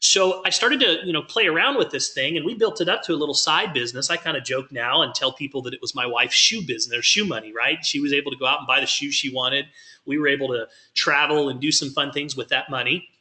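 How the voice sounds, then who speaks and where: A man's voice: medium pitch, fast, sharp tone. A man giving a motivational workshop talk, telling his own story in a folksy way and acting out what others said. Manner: folksy storytelling, acts out quoted voices. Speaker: workshop speaker.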